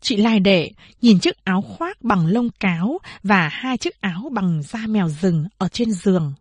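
A woman narrating a novel aloud in measured storytelling, voicing all the figures herself. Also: mid-range voice, lively intonation, slightly rough, dry recording. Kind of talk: audiobook narration.

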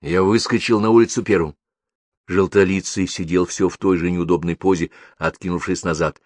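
A man narrating an audiobook story in a measured, expressive way. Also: low-pitched, dry recording, clean studio sound. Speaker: audiobook reader.

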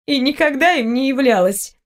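A woman reading an audiobook, voicing a quiet, guarded young woman scientist. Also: high voice, lively intonation, normal speed, voice pushed up. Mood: strained. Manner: quiet, pleading.

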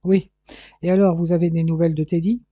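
A man's voice: on the high side, level tone, brisk, dark tone, no room sound, highs cut off, close to an everyday voice. A man voicing a touchy, indignant French police inspector in an audiobook. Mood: defensive.

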